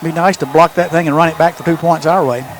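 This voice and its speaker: Male play-by-play announcer, high-pitched, openly partisan, live at an outdoor football game. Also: fairly even intonation, quick pace, slight background noise. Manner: partisan home-team calling.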